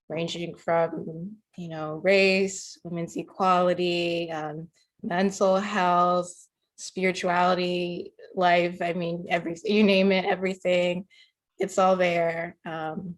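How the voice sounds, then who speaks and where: A woman's voice: on the low side, flat delivery, unhurried. A woman guest who writes articles and poetry, answering questions in a chatty way with many fillers, then reading her own poem aloud. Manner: chatty, filler-heavy, laughs easily.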